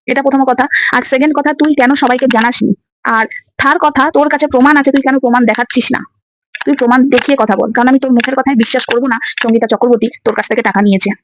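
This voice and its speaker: A woman speaking to camera at a breakneck clip in a high voice. She hammers her points home over and over, challenging and insistent. A faint hiss sits under the recording. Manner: forceful, repetitive, challenging. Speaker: vlogger. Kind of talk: angry direct-to-camera rant.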